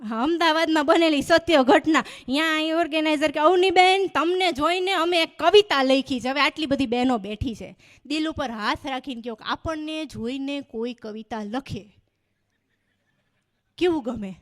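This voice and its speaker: A high-pitched woman performs stand-up comedy on a stage. She tells animated stories and acts out the voices of the people in them. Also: moderate pace. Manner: animated storyteller acting out dialogue. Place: stage before a live audience.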